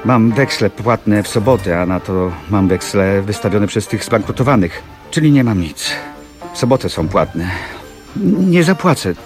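A ruined young mill owner, bitter and proud, his voice a little raised above the reader's own, as a man reads him aloud. Soft music plays faintly under the audiobook reading. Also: lowish voice, lively intonation, unhurried. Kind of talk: audiobook reading of a classic novel.

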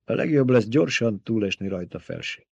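Brief: man reading a young desert ruler, low-voiced, measured, commanding, dry close read. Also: breathy edge, no room sound, lo-fi sound. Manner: measured, calmly dictating terms. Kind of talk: audiobook reading.

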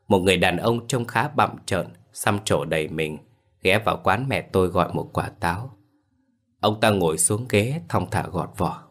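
Deep-voiced man narrating a ghost story.

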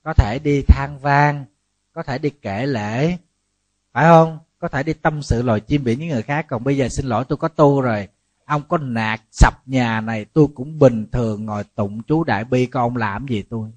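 A man, a Buddhist monk giving a lively, humorous sermon full of rhetorical questions. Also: mid-range voice, moderate pace, no room sound, dull audio.

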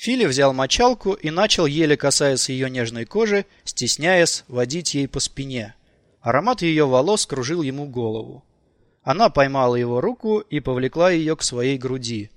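A man narrating an audiobook in an expressive, lively way. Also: medium pitch, moderate pace, no room sound, studio quality.

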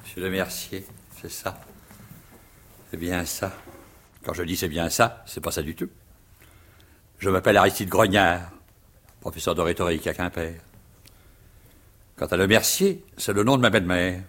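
An actor playing a flustered, stammering middle-aged provincial rhetoric teacher in a 1950s stage comedy. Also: male voice, low-pitched, moderate pace, long pauses, fairly bright tone. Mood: confiding. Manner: stammering, fussy, rambling.

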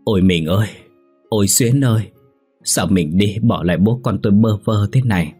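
A man voicing a grieving, exhausted village widower with a hoarse voice, sobbing and lamenting. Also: low-pitched, brisk, a little mellow, faint music behind. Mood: grief-stricken.

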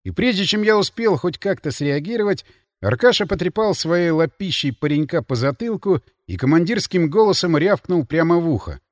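A man narrates a first-person audiobook with theatrical expression. His voice sits fairly high and moves a lot, recorded dry and close. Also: expressive, normal speed, no room sound.

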